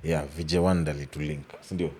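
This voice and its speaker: A man's voice: very deep voice, fairly even intonation, quick pace, warm tone, a little hiss or hum. A man with a Kenyan accent chatting casually as a guest, playful and boastful, slipping between two languages. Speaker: rapper, podcast guest. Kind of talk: casual chat mixing Swahili and English.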